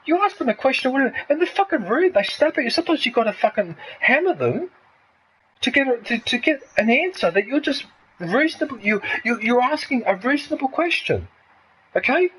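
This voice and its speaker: A man's voice: very high voice, sing-song, brisk, a bit bright, slightly rough, rough recording. A man in his fifties from Australia, ranting angrily and swearing heavily in a casual chat. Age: 50s. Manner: heated, swearing, repetitive ranting. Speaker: streamer.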